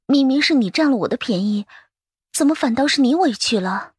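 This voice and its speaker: A man reading an audiobook, voicing a proud, cool young swordswoman who turns shy, with curt, sharp retorts. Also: very high-pitched, expressive, brisk, slightly rough, no room sound, studio quality, pitched above the performer's own voice, heavily acted. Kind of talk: audiobook character voice.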